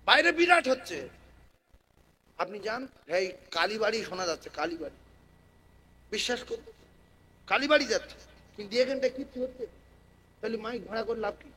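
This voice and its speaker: A man preaching a sermon to a gathering over a public address microphone. He moves from quiet, chatty explanation to loud, drawn-out chanting and rallying call-and-response with the crowd. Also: high-pitched, animated, slight background noise, poor audio. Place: outdoor religious gathering with loudspeakers.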